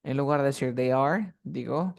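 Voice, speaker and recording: A man's voice: mid-range voice, normal speed, vocal fry, darkish tone. Patient male teacher drilling words. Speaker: English teacher. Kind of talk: online class instruction.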